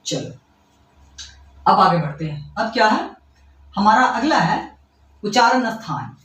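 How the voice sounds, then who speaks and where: Very animated and a bit bright, this man's voice sits high as he teaches grammar to school students, repeating explanations and checking they follow with "ठीक है" and quick questions. He affectionately calls them kids. The classroom-style lesson is recorded away from the mic in an echoey room.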